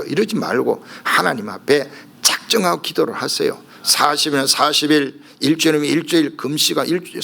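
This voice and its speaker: Preaching with animation, a middle-aged pastor with a medium-pitched, creaky voice dramatizes the blind man's cries in the story he tells.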